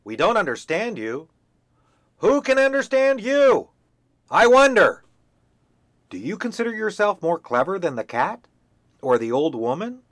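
A man's voice: very animated, measured pace, long pauses, no room sound, clean studio sound. A man voicing a bossy, haughty hen who lectures and scolds. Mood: scolding. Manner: scolding, shrill.

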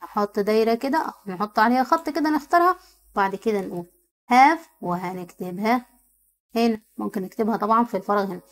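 A woman with an Egyptian Arabic accent teaches English from a worksheet. She reads the English sentences slowly, repeats them, and explains in quick asides with rhetorical questions. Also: medium pitch. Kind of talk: recorded worksheet walkthrough.

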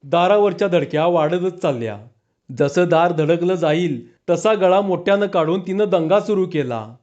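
A man narrating a comic village story in a lively spoken style, using rural dialect. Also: high-pitched, normal speed, dull audio.

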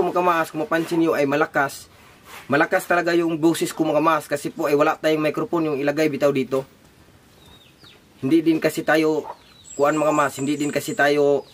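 A man vlogging casually, speaking loudly to a distant camera on a stand with no microphone, repeatedly addressing his viewers. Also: medium pitch. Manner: repetitive, keeps addressing viewers. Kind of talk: casual vlog talk to viewers. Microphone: camera on a stand far away, no microphone.

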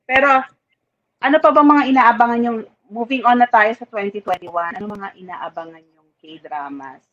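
A woman's voice: fairly high pitch, normal speed, a bit bright, lo-fi sound. A woman hosting a casual chat, talking easily and mixing Tagalog with English. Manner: chatty, mixes Tagalog and English.

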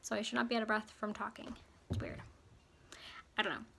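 A woman's voice: medium pitch, sing-song, fairly quick, vocal fry, noisy background. A young woman chatting through a casual haul vlog, rambling with fillers and sounding slightly out of breath. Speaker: mom vlogger.

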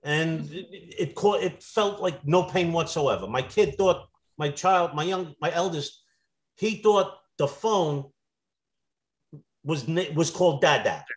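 A man's voice: on the high side, expressive, a little slow, poor audio. A middle-aged man, a former police officer, telling stories as a podcast guest in an earnest way, often restarting his words. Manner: earnest, repeats and restarts words when moved. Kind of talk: conversational storytelling.

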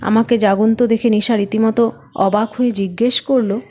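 A woman's voice: a little high, fairly even intonation, normal speed, mellow. Woman reading a story aloud. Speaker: story narrator. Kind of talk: scripted first-person story narration.

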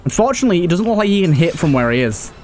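A very animated gaming host with a high-sitting, slightly mellow voice fires off casual let's play commentary at rapid speed. He thinks aloud and repeats his phrases a lot. Behind him are faint music and clearly audible game ambience and effects.

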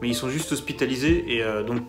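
A man's voice: mid-range voice, quick pace. Sarcastic male film reviewer, mid-range voice, loose mocking delivery, guitar track underneath. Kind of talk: casual solo film review.

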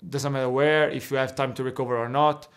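A man's voice: mid-range voice, little pitch movement, fast talker. A young man whose first language is Portuguese, a footballer answering interview questions earnestly over a video call, often restarting and repeating words. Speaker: footballer guest. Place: indoor locker room.

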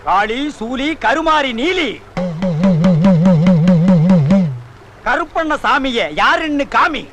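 A man's voice: very high-pitched, lively intonation, over music. An actor playing a bossy, bragging village exorcist in a Tamil film comedy, scolding and mocking his assistant. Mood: chanting. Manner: scolding, mocking, quick-tongued.

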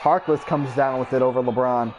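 A man doing mock play-by-play basketball commentary for a gaming video, calling each play in brisk clipped bursts, his voice jumping up on big plays. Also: medium pitch, highs cut off, slight background noise. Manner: excitable, voice jumps up on big plays. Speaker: YouTube gaming creator.

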